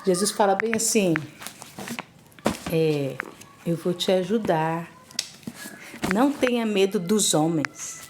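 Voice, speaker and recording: A woman's voice: medium pitch, a little hiss or hum. A woman with a Brazilian Portuguese accent giving an informal devotional talk, conversational and repetitive, speaking to the listener as a friend.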